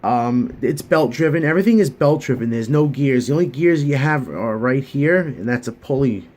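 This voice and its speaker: A man talking through a casual hobby gadget review at a middling pitch. He rambles in a chatty, earnest way, full of fillers and restarts. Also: expressive, normal speed, darkish tone.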